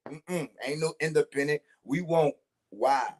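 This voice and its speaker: Joking New Orleans podcast host. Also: male voice, on the high side, a little slow. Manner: joking, animated, laughs often. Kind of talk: casual podcast chat.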